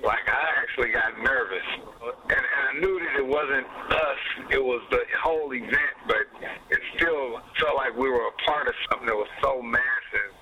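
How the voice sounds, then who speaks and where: Animated laughing male musician. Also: mid-range voice, moderate pace, slight background noise, low-quality recording. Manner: animated storyteller, laughs often, swears freely. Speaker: guest musician. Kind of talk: casual interview chat.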